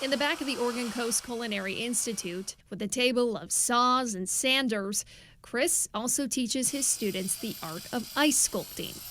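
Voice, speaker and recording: A woman reporter reading scripted news narration in a measured, emphatic way. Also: a little high, a bit bright, a little hiss or hum.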